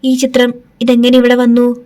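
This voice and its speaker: A woman's voice: fairly high pitch, completely flat delivery, normal speed, dark tone, close to an everyday voice. A woman voicing a frightened middle-aged man whose voice trembles with fear. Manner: trembling, fearful.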